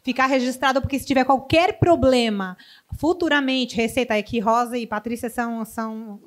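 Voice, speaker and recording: A woman with a slightly high voice speaks emphatically on a professional panel. She gives direct advice to the audience in a firm, practical way. Her manner is animated and hands-on. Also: moderate pace. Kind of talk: panel discussion.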